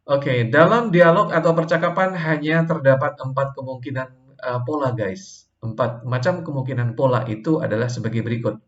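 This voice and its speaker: A man with an Indonesian accent giving a recorded university lecture, explaining at a relaxed pace and often tagging his sentences with short checks. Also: mid-range voice. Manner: relaxed, drawn-out explanations with frequent "oke" and "ya" tags. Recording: roomy, dull lo-fi sound.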